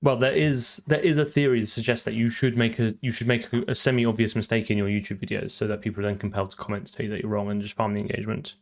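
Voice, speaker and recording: A man's voice: lowish voice, level tone, fast, few pauses. A man live-streaming his programming, talking through code and answering chat, often trailing off and repeating words.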